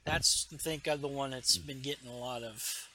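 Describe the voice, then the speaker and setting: A man's voice: medium pitch, fairly even intonation, moderate pace, sharp tone. A man co-hosting a casual podcast chat, animatedly retelling a comic book scene and acting out its characters. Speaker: podcast co-host.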